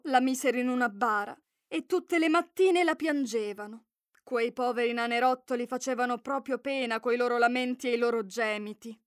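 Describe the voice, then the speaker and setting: A woman reading a fairy tale aloud in an expressive storytelling manner. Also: high voice, no echo, studio quality. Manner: expressive, varied storytelling with voiced characters.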